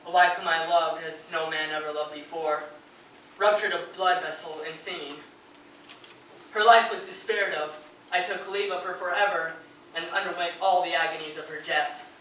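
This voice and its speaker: A male actor, heard from a distance in a very echoey room, plays a tormented, grieving poet in a high, forceful voice, declaiming verse and letters with nervous fervor and anguish, as in a live stage drama. The mournful, intense theatrical reading swells into anguished outbursts. It's a live performance in a radio station's performance room, picked up by a distant mic with faint noise.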